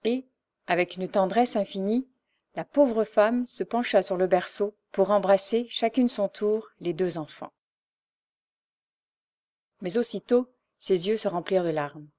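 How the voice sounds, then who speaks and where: With a medium-pitched voice, a woman narrates a classic novel for an audiobook, keeping the reading measured yet expressive.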